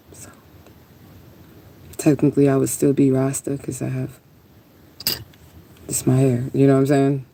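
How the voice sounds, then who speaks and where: This livestreamer has a very deep, gravelly and warm voice. She chats casually and answers viewers' comments, rambling in a relaxed and sometimes profane way.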